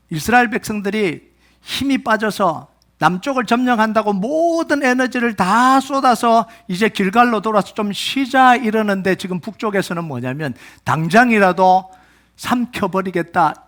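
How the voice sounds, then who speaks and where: A man with a notably high voice preaches in a church, full of energy. He voices anguished prayers that swell in force, then drops back to an explaining tone. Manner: animated preaching, acts out pleading prayers with rising intensity. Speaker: pastor. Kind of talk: sermon. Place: church sanctuary.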